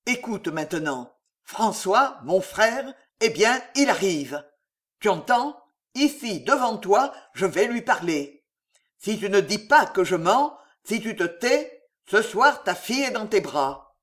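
A man's voice: sits high, very animated, slow pace, fairly bright tone, pitched above the performer's own voice, full character voice. A reader voicing a cruel man who gives cold, threatening orders. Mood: menacing.

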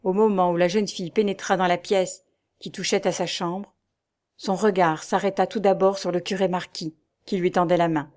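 A woman narrating an audiobook of a 19th-century novel in a measured, clear literary reading. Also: lowish voice, steady tone, darkish tone.

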